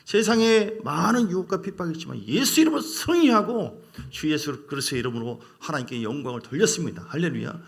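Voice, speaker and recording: A male pastor preaches a sermon with a lively, swinging pitch that sits a little high for a man. He drives his points home emphatically and keeps throwing questions out to the congregation. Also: quick pace, gravelly. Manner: emphatic, call-and-response with congregation.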